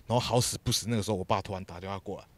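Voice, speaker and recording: A man's voice: on the low side, dry recording. A young man with a Taiwanese Mandarin accent, swapping work stories on a casual podcast and swearing freely. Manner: fast, animated storytelling with frequent swearing. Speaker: podcast co-host. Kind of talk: casual chat, storytelling.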